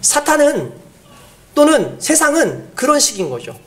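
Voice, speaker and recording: Lively high-pitched Korean man preaching. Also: measured pace. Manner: preaching with dramatic shifts, acting out quoted voices. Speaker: pastor. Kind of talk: sermon. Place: church sanctuary.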